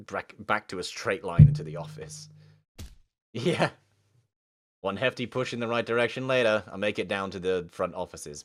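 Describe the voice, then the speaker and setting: Low-voiced man reading a visual novel. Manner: swearing, laughing asides between narration.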